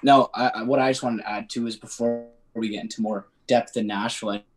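A man's voice: medium pitch, steady tone, brisk, soft background music. A young man hosting a podcast, asking interview questions in a hesitant way with restarts. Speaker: podcast host.

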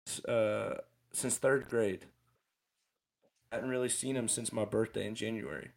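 A man in his twenties co-hosts a casual podcast, offering rambling, ranting motivational advice full of restarts and self-corrections. His voice is lowish and unhurried, with vocal fry.

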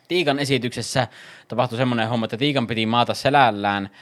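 A man hosting a casual podcast chat, chatty and laughing often, talking in quick bursts. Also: medium pitch, steady tone, fairly bright tone.

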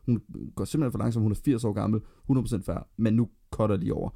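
A man with a Danish accent co-hosting a relaxed podcast, his voice low-pitched and mellow. He argues his side and spins out long everyday anecdotes in easy, conversational talk. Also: gravelly. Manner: argumentative, tells long anecdotes. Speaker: podcast co-host. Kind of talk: casual chat.

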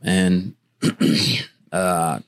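A man's voice: deep voice, steady tone, extremely slow, a bit bright, no room sound, studio quality. A man who works as a youth minister, co-hosting a podcast in an easygoing casual chat. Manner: easygoing, brief remarks.

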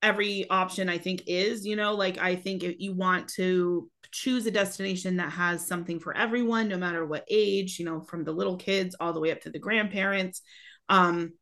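A woman in her thirties co-hosts a podcast, chatting casually and loosely with many restarts, her voice a little raspy from a cold. It's lowish and a bit bright, with fairly even intonation and a moderate pace.

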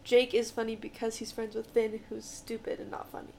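A woman's voice: on the high side, completely flat delivery, fairly quick, vocal fry, warm tone, slight background noise. Chatty young woman podcast guest. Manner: chatty, argumentative. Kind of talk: casual chat.

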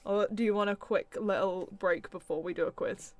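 A woman's voice: medium pitch, fairly even intonation, normal speed. A woman co-hosting a casual chat podcast, chatty and trailing off with ums, sometimes sounding sarcastic without meaning to. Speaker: podcast co-host.

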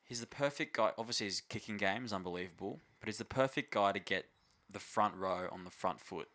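A man's voice: lowish voice, brisk, fairly bright tone. An Australian man co-hosting a casual rugby league podcast, talking in a matey, emphatic, agreeable way. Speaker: sports podcast co-host.

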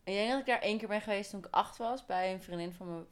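A woman's voice: mid-range voice, quick pace. A young woman from Holland co-hosting a podcast, talking casually and explaining her thoughts at length with small tangents. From Holland, Netherlands. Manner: explanatory, thinks aloud, goes on tangents. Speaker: podcast co-host. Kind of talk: casual chat.

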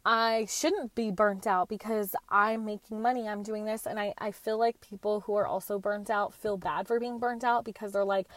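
Here a woman in her late twenties hosts a podcast solo, casual and earnest with slangy asides. Her medium-pitched voice holds a steady tone at normal speed, with few pauses and no room sound.

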